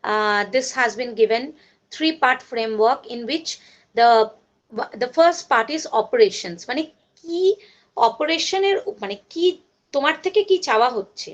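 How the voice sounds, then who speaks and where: Slow, high-voiced woman lecturing with a Bengali accent. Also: expressive. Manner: switches between Bengali and English, many fillers and self-corrections. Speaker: college lecturer. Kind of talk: classroom lecture.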